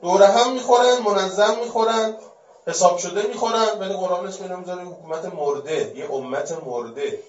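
A man with a high voice preaches a religious lecture. He fires off rhetorical questions and swings between forceful and hushed delivery. He is heard from a distance in a roomy, echoey space, and the recording sounds dull. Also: slight background noise. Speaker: religious speaker.

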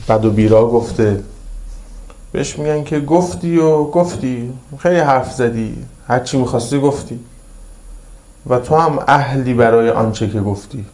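Mellow-voiced male preacher. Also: medium pitch. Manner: recites Arabic slowly, then explains in colloquial talk; repetitive, emphatic phrasing. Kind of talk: religious sermon.

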